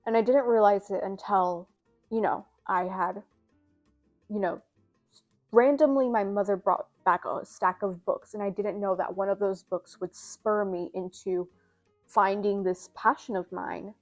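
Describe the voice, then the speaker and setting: A woman's voice: mid-range voice, steady tone, a little slow, a little mellow, faint music behind. A young woman vlogging in a casual, rambling way, full of "like" and "you know", a little out of breath with a scratchy throat. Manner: rambling, filler-heavy, self-deprecating. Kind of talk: casual chat to camera.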